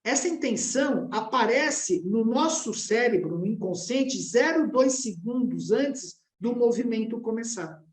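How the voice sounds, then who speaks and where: Lively Brazilian woman teaching a class. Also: a little high, measured pace, hardly any pauses. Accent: Brazilian Portuguese. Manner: engaging, addresses the class directly with questions. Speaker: class presenter. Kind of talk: explanatory study-group lesson. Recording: roomy echo.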